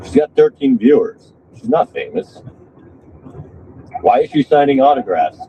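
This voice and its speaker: A man's voice: medium pitch, sing-song, measured pace, vocal fry. A man bantering casually on a livestream in a crude, taunting way. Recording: muffled lo-fi stream with background noise.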